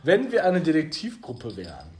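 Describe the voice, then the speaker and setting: A man's voice: a little high, huge pitch swings, moderate pace, darkish tone. Joking young man in an echoey room. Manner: joking, rambling storyteller. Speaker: podcast co-host. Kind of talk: casual chat.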